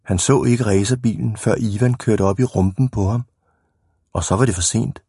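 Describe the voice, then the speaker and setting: A man reading a children's story aloud. He is a lively reader who slips into voices for the characters. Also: on the low side, slightly rough, no echo, clean studio sound.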